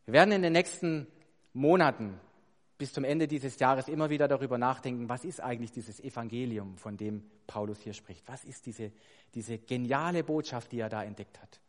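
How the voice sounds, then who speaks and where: A man preaching a sermon, emphatic and building to loud stressed points, putting rhetorical questions to his congregation. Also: medium pitch, normal speed. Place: church hall. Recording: long hall reverb.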